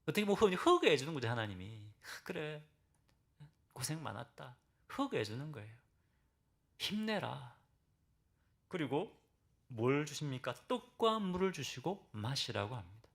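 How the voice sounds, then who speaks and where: A man's voice: sing-song, brisk. A middle-aged male senior pastor preaching a sermon in a church, questioning his congregation and acting out biblical pleas in dramatic bursts. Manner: dramatic, acts out Bible figures' pleas with sudden loud high bursts; asks the congregation direct questions. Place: church sanctuary.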